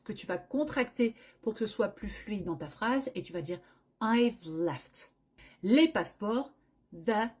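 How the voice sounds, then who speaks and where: Breathy woman teaching English. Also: a little high. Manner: explains pronunciation step by step, acts out short travel scenes. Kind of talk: language lesson.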